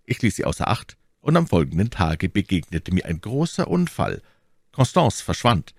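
A man's voice: fairly low pitch, sing-song, moderate pace, darkish tone, no echo, studio quality, pitched above the performer's own voice. A man reading the part of a bold, eager young musketeer in a storybook reading, speaking resolutely. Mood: determined.

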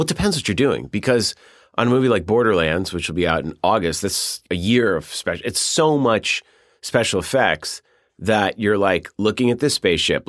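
A man's voice: lowish voice, dry recording, studio quality. A man being interviewed as a film director, talking bluntly and profanely in a flowing, storytelling way. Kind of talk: casual interview talk.

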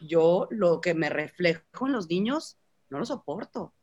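A woman's voice: on the low side, expressive, measured pace, a little mellow, dull audio. A woman chatting casually and frankly about her own hang-ups as a mother. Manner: candid, self-critical. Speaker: mother in a group chat. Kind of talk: casual chat.

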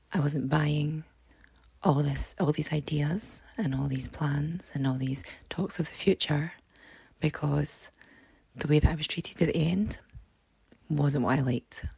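A hoarse woman with a croaky frog voice that often thins to near-whisper, giving earnest, reassuring advice as a podcast host. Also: low-pitched, darkish tone, no echo. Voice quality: croaky, froggy voice. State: hoarse, voice partly lost. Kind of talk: reflective self-help podcast monologue.

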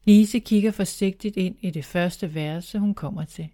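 Woman calmly reading a children's story. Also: fairly low pitch. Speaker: narrator.

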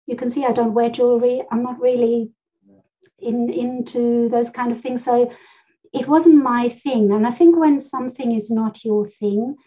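On a relaxed podcast she co-hosts, a German woman of middle age spins chatty, wandering stories punctuated by laughs, speaking at a measured pace with a warm, fairly high, fairly even voice. The slightly dull, rough recording comes from a home room full of books.

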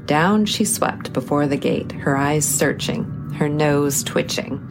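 A woman reads a folk tale aloud in a measured, dramatic storybook style. Her voice is low and gravelly, and she takes her time. Music plays softly beneath her. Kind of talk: storybook narration.

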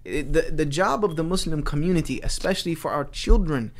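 A man talking as a podcast guest in a casual chat, earnest and animated, with frequent restarts. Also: fairly high pitch, fairly quick. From United States.

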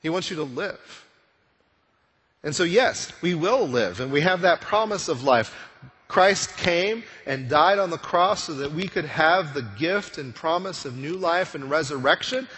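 A man's voice: fairly high pitch, animated, a little slow, fairly bright tone, slight background noise. A male pastor preaching a conversational sermon, full of rhetorical questions. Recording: long reverb of a church hall.

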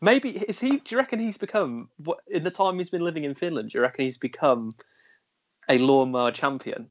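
A man co-hosting a podcast, playful and quick to laugh, reading a lively roundup. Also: a little high, highs cut off. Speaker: podcast co-host. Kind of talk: casual chat. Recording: loud music behind the voice.

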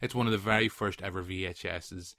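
A man in his late thirties hosts a casual film podcast, talking in a fairly low voice. He tells animated stories full of asides and restarts. The sound is dry and close, with no room around it. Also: fairly quick, no echo. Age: 30s. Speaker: podcast host.

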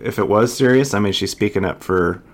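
A man's voice: fairly low pitch, a little fast. A man co-hosting a podcast in casual chat, dropping dry, blunt wisecracks. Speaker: podcast co-host.

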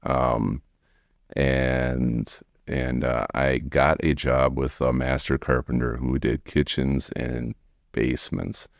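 A man in his forties with an American accent, telling his story casually in a halting, rambling way as an interview guest. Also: a bass voice, flat delivery, vocal fry, no echo, studio quality. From United States, Wisconsin. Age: 40s. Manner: rambling, halting, frequent "you know". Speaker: podcast guest, remodeling tradesman.

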